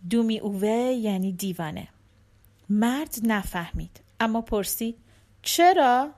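A woman reading a short story aloud in a calm, measured narrating voice. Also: medium pitch. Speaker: audiobook narrator. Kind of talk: scripted narration.

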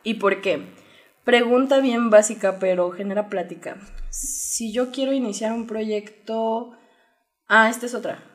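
A woman's voice: a little high, steady tone, unhurried. Playful woman podcast host. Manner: playful, reads listener questions, laughs often. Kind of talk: casual podcast chat. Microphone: podcast microphone.

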